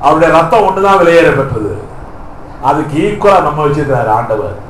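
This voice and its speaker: A man's voice: fairly high pitch, lively intonation, brisk, a little hiss or hum. A male pastor preaching a fervent sermon, firing rhetorical questions at the congregation and punctuating with hallelujah and amen. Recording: echoey hall.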